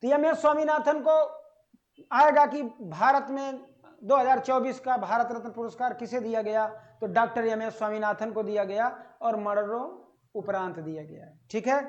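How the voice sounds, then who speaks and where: An agriculture exam-prep lesson is led by a man with a very high, steady voice who asks the class questions and answers them himself. He slows down to stretch out key words, and the audio is dull and lo-fi.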